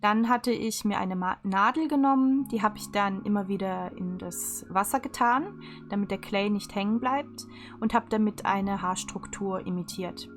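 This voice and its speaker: Woman, mid-pitched, casual tutorial voice-over, chatty unscripted narration, faint instrumental music behind. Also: moderate pace. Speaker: video creator.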